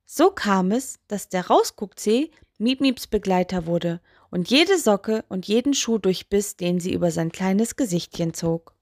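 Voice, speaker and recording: A woman telling a children's bedtime story in a gentle, expressive storyteller voice. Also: medium pitch, measured pace, no room sound, clean studio sound.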